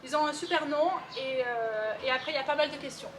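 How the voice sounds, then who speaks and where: A young woman with a high voice hosts a chatty, playful vlog interview outside by a swimming pool. Steady outdoor noise sits behind her. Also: brisk. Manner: playful, chatty, jokes around. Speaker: host.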